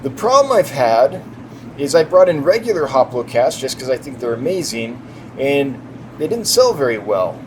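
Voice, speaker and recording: A man's voice: medium pitch, sing-song, moderate pace. Guy showing off stock in a fish warehouse, keen and chatty, off the cuff, noticeable ventilation hum in the background. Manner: enthusiastic, chatty. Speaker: fish seller giving a stock tour. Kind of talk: casual unscripted product tour narration. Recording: clear background noise, humming ventilation.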